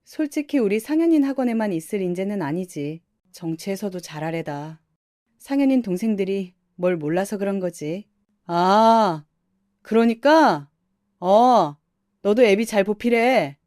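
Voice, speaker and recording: A scolding, overbearing older mother-in-law, put on by a woman narrator. She nags in a shrill, reproachful way. Her voice is mellow and the recording is dry and close. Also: animated, a little slow, no echo, close to an everyday voice. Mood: smug.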